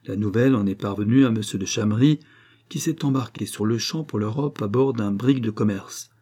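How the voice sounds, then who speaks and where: A man reading a classic novel aloud as narrator, measured and dramatic. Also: on the low side, mellow. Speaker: audiobook narrator. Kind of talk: scripted narration.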